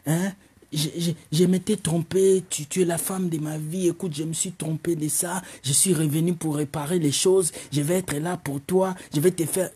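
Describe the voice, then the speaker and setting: Guy doing a soft stammery ex-boyfriend pleading to come back, mellow voice. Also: on the high side, fairly even intonation, moderate pace, slightly rough. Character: smooth-talking ex-boyfriend begging to return.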